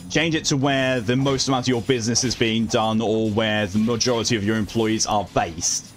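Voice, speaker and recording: A man's voice: fairly low pitch, steady tone, normal speed, a little hiss or hum. A man streaming a video game, chatting casually in a rambling, wry way with some swearing. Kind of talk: casual live game commentary and chat. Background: game music.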